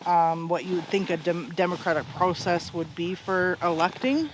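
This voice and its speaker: A man's voice: high-pitched, normal speed, a little hiss or hum, poor audio. A man from Alberta with a Canadian accent, giving emphatic, opinionated answers in a conversational interview. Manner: emphatic, opinionated, uses rhetorical questions. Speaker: interview guest.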